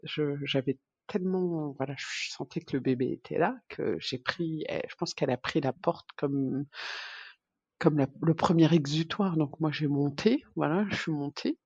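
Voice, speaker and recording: Husky-voiced woman telling a lively story. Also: low voice, moderate pace, no room sound. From France. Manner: lively anecdote-telling, acts out quoted dialogue, laughs often. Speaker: podcast guest, expat mother. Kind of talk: casual storytelling interview. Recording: dull lo-fi recording.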